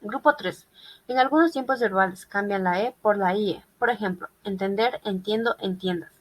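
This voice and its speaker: A woman's voice: mid-range voice, normal speed, rough recording. A woman reading a group class presentation on irregular verbs, listing examples methodically. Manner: methodical listing of verb forms. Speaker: student presenter.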